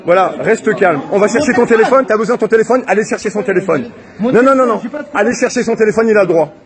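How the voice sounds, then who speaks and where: High-voiced man shouting in a street crowd. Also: fast. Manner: pleading, repeats himself, calls out to the police and a crowd. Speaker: bystander filming an arrest. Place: outdoors in a city street. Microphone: phone camera held while filming. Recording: amateur phone video with a crowd around. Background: crowd of onlookers.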